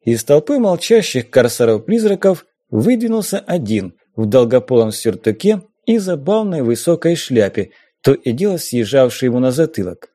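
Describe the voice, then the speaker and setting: A man narrating an adventure audiobook in the first person, measured and unhurried. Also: mid-range voice, no echo. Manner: slow, measured, lively intonation.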